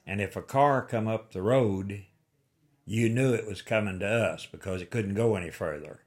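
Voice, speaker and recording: With a lowish, slightly mellow voice at a moderate pace, an elderly interviewee reminisces in a plain, folksy storytelling style. He's in his eighties, comes from the rural Missouri Ozarks in the United States, carries an Ozark Appalachian-style accent, and is giving an oral history.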